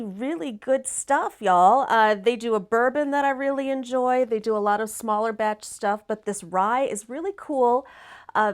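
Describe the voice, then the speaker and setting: Raspy, hoarse woman hosting casually. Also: on the high side. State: hoarse, recovering from laryngitis. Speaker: live stream host. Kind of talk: casual livestream chat.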